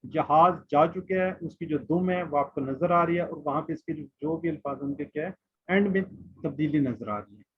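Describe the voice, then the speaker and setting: A man's voice: fairly high pitch, moderate pace, husky. A man teaching a Quran class online, patiently drilling letters and word forms and asking his students questions. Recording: muffled lo-fi online class audio.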